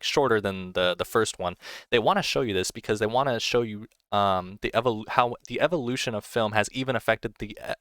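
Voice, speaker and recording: A young man talks through a film review in a loose, enthusiastic ramble, often restarting his sentences. His voice sits low and smooth. The recording is dry and close, with no room sound. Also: a bit bright, no echo. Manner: enthusiastic, rambling with frequent "you know" and restarts. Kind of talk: casual film review monologue.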